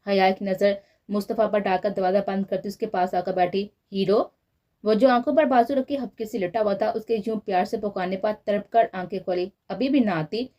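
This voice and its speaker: Woman reading a romance novel aloud, steady storytelling, mellow dark tone. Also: mid-range voice, brisk. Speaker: narrator.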